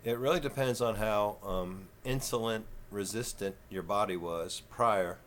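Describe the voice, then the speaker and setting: A man in his fifties with a Texan southern twang, talking slow and folksy in a rambling, casual vlog. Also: fairly low pitch, slight background noise. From Texas. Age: 50s. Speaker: vlogger.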